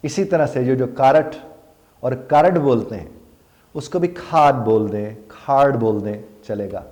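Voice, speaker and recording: A man's voice: mid-range voice, warm tone. A male English teacher gives an earnest spoken pronunciation lesson. He asks his students questions and then answers them himself. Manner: slows down to model English phrases carefully.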